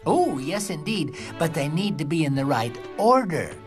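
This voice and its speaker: A man's voice: on the high side, big pitch swings, moderate pace. A man voicing a fussy but patient grown-up rabbit in a children's cartoon, speaking in a precise, instructive and exclaiming way. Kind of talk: animated children's cartoon acting. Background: music.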